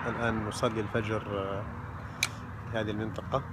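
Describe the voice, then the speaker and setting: A man in his thirties narrating a cycling vlog in a measured, halting way with pauses, recorded outdoors on a phone. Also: lowish voice, level tone, heavy background noise. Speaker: cycling vlogger. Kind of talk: casual reflective vlog narration. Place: outdoors along open roads and desert at night and dawn. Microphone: phone at arm's length.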